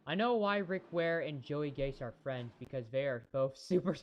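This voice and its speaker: A man's voice: medium pitch, animated, moderate pace, a little hiss or hum, low-quality recording. A man giving casual live-stream commentary on a race, chatty and rambling, talking to his chat viewers.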